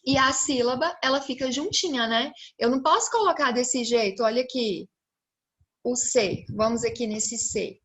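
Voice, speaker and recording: A woman teacher with a Brazilian Portuguese accent recording a video lesson for children, speaking slowly and clearly and stretching out syllables as she explains. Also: on the high side, fairly bright tone.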